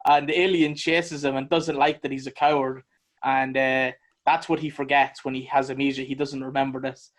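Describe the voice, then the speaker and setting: A man co-hosting a podcast, chatting casually about a movie in a blunt, animated way and swearing freely. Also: medium pitch, normal speed. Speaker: podcast co-host. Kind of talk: casual movie review chat.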